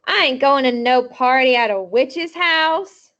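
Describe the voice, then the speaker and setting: A woman reading aloud and voicing a stubborn, fearful young boy who protests loudly. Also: sits high, expressive, unhurried. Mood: scared stubborn. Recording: dull lo-fi audio.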